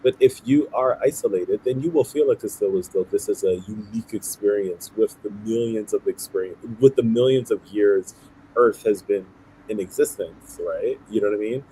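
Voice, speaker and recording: A man in his thirties, from Haiti and raised in Brooklyn, speaks as an interview guest. His voice is low and mellow, and he explains earnestly, checking in with "right?" as he goes. A faint hiss of noise sits under the recording. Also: normal speed, low-quality recording. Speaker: guest, nonprofit founder. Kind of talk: conversational interview.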